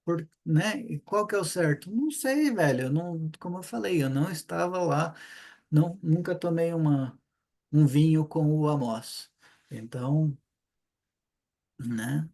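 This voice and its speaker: A chatty Brazilian man with a southern accent, leading a relaxed online class. His voice sits a little high for a man, and he keeps tossing in quick check-ins and rhetorical questions as he explains. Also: gravelly. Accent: Brazilian Portuguese, southern (Paraná). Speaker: Hebrew teacher. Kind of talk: casual online class lecture.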